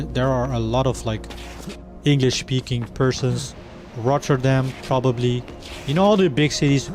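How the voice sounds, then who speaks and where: A Dutch man streaming a game live, chatting casually with his viewers and laughing between lines. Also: medium pitch. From Netherlands. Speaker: livestreamer. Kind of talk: casual chat while gaming live.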